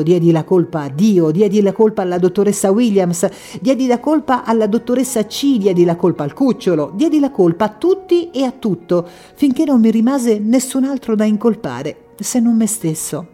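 A woman reading a first-person story as an audiobook, expressive and full of feeling. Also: medium pitch, moderate pace, hardly any pauses. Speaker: audiobook narrator.

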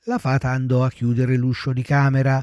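A man narrating a classic children's tale in an expressive storytelling manner. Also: mid-range voice, fairly quick, dry recording, muffled recording. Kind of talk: storybook reading.

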